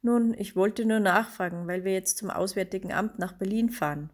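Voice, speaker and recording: A woman voicing a distraught young mother, tearful and pleading, her voice raised and higher. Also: steady tone, normal speed, lightly acted. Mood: tearful, anxious.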